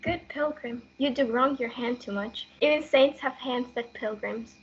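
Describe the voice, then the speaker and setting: A woman's voice: fairly high pitch, moderate pace, slight background noise, lightly acted. A young woman playing a lovestruck, earnest, conflicted young Juliet in a student reader's theatre performance. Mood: shy, tender. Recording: dull lo-fi audio.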